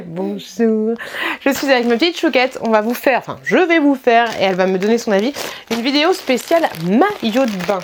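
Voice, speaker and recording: Chatty woman vlogger, slightly high voice. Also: lively intonation, fast, slight background noise. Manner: chatty, rambling, with many fillers and restarts; talks affectionately to her child off camera. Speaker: vlogger showing a try-on haul. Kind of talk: casual chatty vlog.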